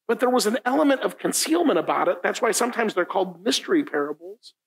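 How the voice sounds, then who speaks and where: A middle-aged pastor whose native language is Italian stands at a lectern in a church meeting room, delivering a conversational sermon. His voice is high-pitched and creaky, and the recording is rough. He speaks informally, often adds "right?", and repeats key lines for emphasis.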